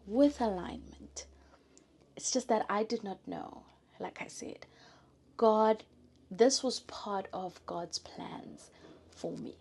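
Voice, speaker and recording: A woman from South Africa with a South African accent, telling an earnest, faith-filled story in a casual vlog and often dropping to a soft whisper. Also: medium pitch, slightly rough. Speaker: YouTuber.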